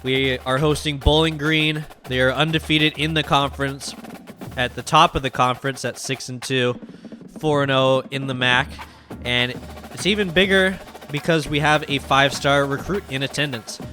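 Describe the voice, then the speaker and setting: A man's voice: mid-range voice, normal speed, faint music behind. A young man with a stuffy, nasal voice from a cold, giving casual commentary as he plays a football video game. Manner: chatty, excited during play. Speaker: gaming YouTuber.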